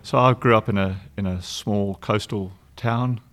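Here a charity's executive director, a South African-accented man, appears as a guest in a laid-back storytelling interview. His voice is on the low side, steady in tone and a bit slow. He shares warm anecdotes, frequently restarting and saying um.

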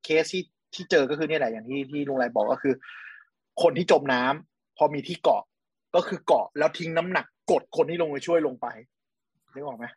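Man co-hosting, chatty, quick delivery, slightly husky voice, dry close sound. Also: fairly high pitch, expressive, a little mellow, no echo. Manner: explains step by step, restarts words. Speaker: podcast co-host. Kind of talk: casual chat.

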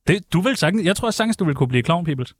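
A man co-hosting a radio show, firing quick, friendly questions in casual banter. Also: sits high, animated, husky, no room sound. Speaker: radio co-host.

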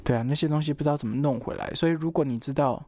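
Rapid-fire and dark in tone, this mid-range voice belongs to a young adult student chatting through a personal story, with no room sound. The student quotes other people and leans heavily on fillers such as "然后" and "anyway" to link thoughts.

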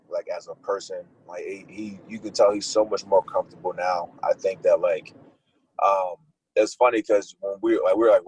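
A man's voice: deep voice, darkish tone, slightly rough, poor audio. A young man, a football wide receiver, answering interview questions in a casual, laid-back way, full of likes and restarts.

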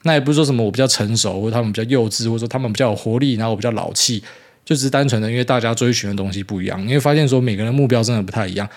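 A man in his thirties speaks at a racing pace with a medium-pitched voice and a Taiwanese Mandarin accent. He hosts a casual solo podcast, rambling and blunt, with some mild swearing.

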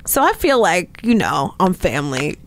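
A woman's voice: fairly low pitch, sing-song, normal speed, no echo. A woman comedian from New Jersey, telling stand-up stories in a casual chat and laughing through her lines. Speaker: comedian guest.

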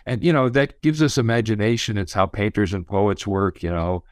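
Male expert guest, low voice, thoughtful conversational explainer, dry sound. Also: lively intonation, normal speed, dry recording. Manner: thoughtful, explanatory, often says you know.

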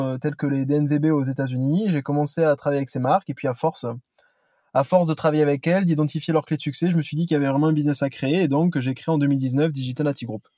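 Brisk thirties male founder, dry close recording, halting delivery. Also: fairly high pitch, warm tone, no room sound. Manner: fast, halting with fillers. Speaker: founder of a consulting firm. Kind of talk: interview answer.

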